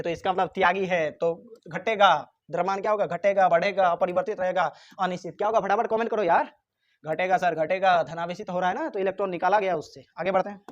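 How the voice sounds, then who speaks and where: A man's voice: high-pitched, muffled recording. A man teaching physics exam questions, teasing and scolding his students, sometimes answering for them. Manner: answers for students himself in their voice. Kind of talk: exam-prep lesson, question by question.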